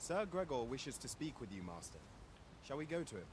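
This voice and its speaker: A man's voice: mid-range voice, big pitch swings, fairly quick, natural voice. An actor playing a formal, loyal male companion in a fantasy game, speaking in courtly, old-fashioned phrases. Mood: helpful. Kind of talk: game character dialogue. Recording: game audio with clear background noise.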